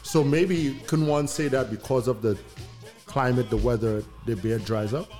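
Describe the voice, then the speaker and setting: A man with an average-pitched voice hosts a casual interview. He phrases things informally, with plenty of slang, while soft music plays in the background. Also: moderate pace. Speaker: host asking questions. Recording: music behind the voice.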